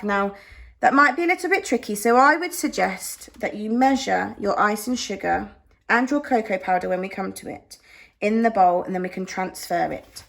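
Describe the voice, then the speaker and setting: A woman's voice: mid-range voice, creaky, a bit bright. A woman speaking as a primary school teacher, giving step-by-step cooking instructions to young children in simple, encouraging language with exaggerated emphasis.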